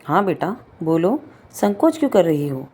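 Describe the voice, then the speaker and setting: A woman voicing a kind, soft-spoken older father-in-law in a read-aloud story. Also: on the low side, big pitch swings, normal speed, breathy edge. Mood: gentle. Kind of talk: storybook reading.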